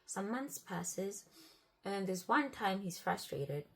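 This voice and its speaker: Slow and expressive, with a mid-range voice, a woman chats through a personal story. She keeps reenacting exchanges, "I'm like," "he's like," and often restarts or repeats her phrases.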